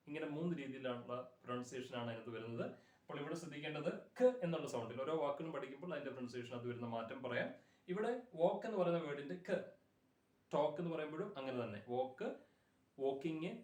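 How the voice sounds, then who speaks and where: A man's voice: medium pitch, distant mic. A man teaching grammar in Malayalam. He speaks, patiently repeats word forms and keeps checking that the class follows. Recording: echoey room, voice from afar.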